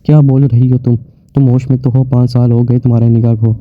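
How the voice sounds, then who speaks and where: A man's voice: medium pitch, level tone, natural voice. A man voicing a stern mother who scolds her daughter reproachfully. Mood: scolding. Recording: tinny phone-like, dry sound.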